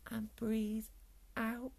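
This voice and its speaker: Whispering woman, very slow. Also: a little high, gravelly, husky. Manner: soft whispering, calm and soothing. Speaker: meditation guide. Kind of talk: guided meditation ASMR.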